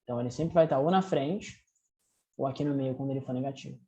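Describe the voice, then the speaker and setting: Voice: mid-range voice, dark tone. An English teacher with a Brazilian Portuguese accent explains grammar patiently, step by step, and checks in with students often. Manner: reads English drill sentences slowly and clearly. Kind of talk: recorded language lesson.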